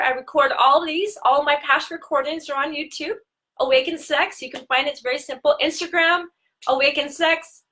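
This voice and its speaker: A woman tantra teacher hosting a live-streamed talk, speaking earnestly and slowing down on key words. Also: high voice, bright, forceful tone.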